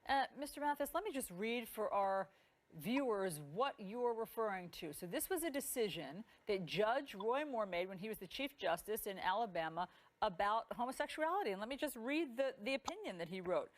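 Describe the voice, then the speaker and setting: Female broadcast news interviewer, medium pitch, articulate, courteous, measured delivery. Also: expressive. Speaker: television news anchor, interviewer.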